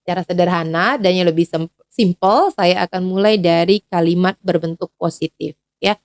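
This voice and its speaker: A woman from Indonesia teaching an English grammar lesson in a casual, chatty way, with fillers and quick self-corrections. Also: lowish voice, no room sound. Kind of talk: explanatory lesson to students.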